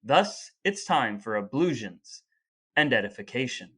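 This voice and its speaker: A man's voice: mid-range voice, very animated, unhurried, background noise. A man co-hosting a podcast, talking in a dry, mock-formal way with plenty of puns. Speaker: podcast co-host. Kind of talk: casual chat with scripted segments.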